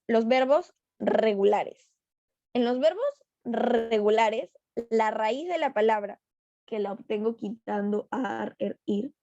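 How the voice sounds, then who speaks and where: Slow, high-voiced woman teacher. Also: no room sound. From Peru. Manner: slow, deliberate explaining, stressing syllables and quizzing a student. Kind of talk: online class review lesson. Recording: dull, lo-fi online class audio.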